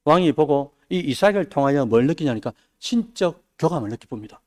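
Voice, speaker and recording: A man preaching a midweek sermon, dropping his voice low and then rising loud. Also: expressive, brisk. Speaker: pastor. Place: church sanctuary.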